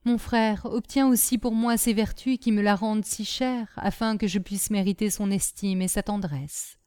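A woman's voice: mid-range voice, steady tone, moderate pace, a little mellow, clear, resonant tone, dry recording, lightly acted. A woman reader voicing a gendarme sergeant of thirty, solemn and tender in grief, curt when pushed. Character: grieving, earnest gendarme sergeant, a man of thirty.

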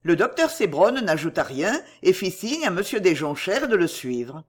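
Audiobook narrator, classic novel, expressive reading with a very lively pitch. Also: moderate pace. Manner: expressive storytelling.

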